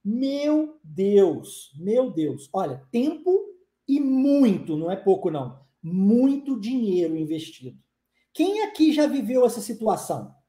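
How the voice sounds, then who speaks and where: Teaching a live online lesson from an echoey room, this man in his forties, born in Brazil, raised in the US, and a native English speaker, talks slowly in a warm, high-pitched voice with big pitch swings. He is emphatic and persuasive and keeps firing rhetorical questions at his viewers.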